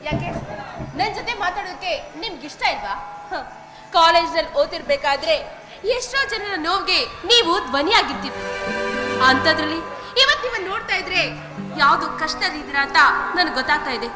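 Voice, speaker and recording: A loyal young woman friend, played by a female actress, speaks in a very high, earnest and pleading stage voice. The sound is echoey, from a live village drama, with music playing clearly behind her. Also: expressive, fairly quick. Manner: earnest, pleading theatrical delivery. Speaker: stage actor.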